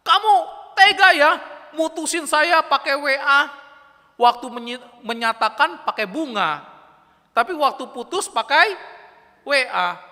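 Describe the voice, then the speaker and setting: A man doing a shrill, hurt young woman. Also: animated, a little slow, sharp tone, long reverb tail, heavily acted. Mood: indignant. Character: hurt young woman scolding her ex-boyfriend.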